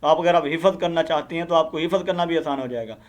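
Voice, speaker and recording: A man teaching tajweed, slowly reciting verses and then explaining the pronunciation faster. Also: fairly high pitch. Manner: slow drawn-out recitation switching to quick explaining. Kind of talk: tajweed lesson, spelling and reciting word by word.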